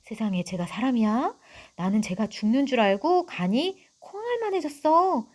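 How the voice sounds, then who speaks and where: A woman's voice: a little high, very animated, normal speed. A woman voicing a shocked, gossiping middle-aged village woman in a storybook reading who exclaims as she passes on the tale. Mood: aghast gossip.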